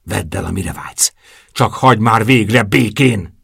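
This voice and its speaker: A man's voice: on the low side, vocal fry, fairly bright tone, husky, no room sound, studio quality, exaggerated voice. A man voicing a bitter, furious young woman in an audiobook, with a raised, accusing delivery. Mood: scornful.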